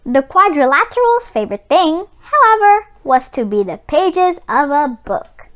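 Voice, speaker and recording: A woman reading a children's book aloud in an expressive storytelling style. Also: high voice, unhurried.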